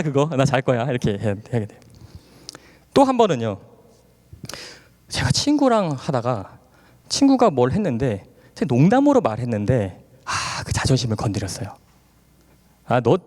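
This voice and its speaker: A man in his thirties giving a testimony sermon at a church camp, telling stories with animated acted-out dialogue and frequent laughter. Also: medium pitch. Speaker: guest speaker at a church camp. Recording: long hall reverb.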